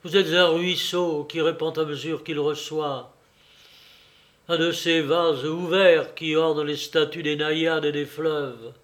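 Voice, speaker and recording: A man voicing an honorable young English gentleman who speaks in a heated, reproachful way, in an audiobook reading. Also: a little high, steady tone, a little slow. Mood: angry.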